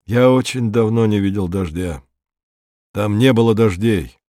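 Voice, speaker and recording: A man reading the part of a withdrawn young male spaceman in a low, hushed voice. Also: measured pace, no room sound, studio quality, close to an everyday voice. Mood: subdued.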